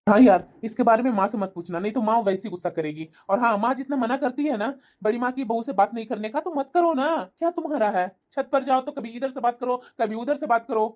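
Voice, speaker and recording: A placid young husband in a cartoon, voiced by a woman. The voice is fairly high yet dark and mellow, and he talks in a calming, easygoing way. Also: close to an everyday voice. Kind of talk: animated cartoon voice acting.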